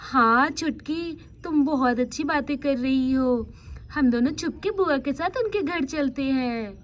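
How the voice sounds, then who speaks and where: Woman playing cheeky little girls in a doll story, high and eager, whispering plans. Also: measured pace. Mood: excited. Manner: eager, chattering. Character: two mischievous little village girls.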